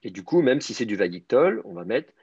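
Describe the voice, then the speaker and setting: A man's voice: mid-range voice, very animated, moderate pace, a little mellow, slightly rough, no echo, lo-fi sound. A man teaching a Hebrew grammar class online, explaining step by step and thinking aloud with many hesitations.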